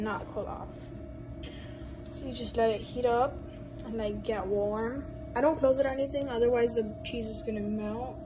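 Filmed on a handheld phone, a teenage girl rambles through a casual cooking vlog in her home kitchen, chatty and full of fillers. Her voice is fairly high, and the rough recording carries loud appliance noise in the background.

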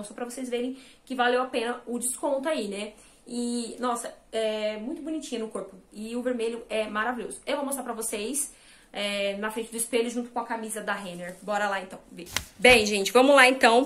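A chatty woman in her thirties from Brazil, talking through a clothing haul in a fairly high voice. She sounds lively and friendly, recorded on a camera close by in a small bright room at home. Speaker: fashion vlogger. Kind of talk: casual shopping haul chat. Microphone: camera at a short distance, then phone held at a mirror.

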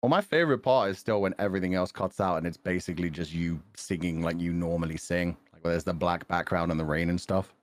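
A man's voice: sits low, fast, hardly any pauses, dry recording. A man teasing in dry banter during a casual stream chat. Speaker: fellow streamer.

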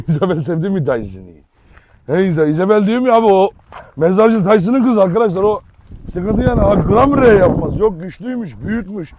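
A man with a fairly high voice talks casually to viewers and a friend outdoors. He often breaks off to shout firm commands at his dogs. The talk is loose and chatty. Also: expressive, fairly quick, a little hiss or hum. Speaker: dog owner and channel host. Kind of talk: casual vlog chat.

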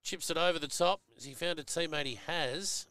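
Bright folksy Australian footy commentator. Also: male voice, on the high side, fairly quick, dry recording. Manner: chatty, folksy, jumps up sharply at big hits. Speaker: football commentator. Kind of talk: live commentary with analysis.

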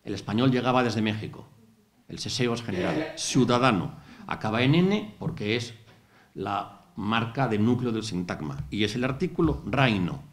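Middle-aged guy lecturing, goes word by word, kinda low voice. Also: lively intonation, moderate pace. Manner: explains word by word, methodical, with asides. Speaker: university lecturer. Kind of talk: academic lecture. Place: lecture hall.

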